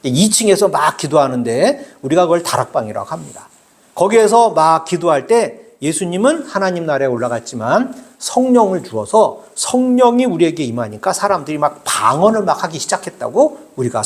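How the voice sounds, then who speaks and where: A man's voice: fairly high pitch, sing-song, brisk. A middle-aged male pastor preaching a sermon in a conversational way, explaining with everyday examples.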